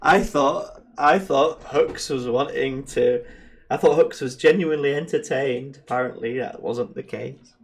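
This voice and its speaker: A man's voice: mid-range voice, unhurried, slightly rough. Male streamer, casual gameplay banter, playful and teasing, mid-range voice. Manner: playful, teasing, breaks into silly sing-song noises. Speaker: streamer playing a truck driving game. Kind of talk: casual gameplay chat with a co-player.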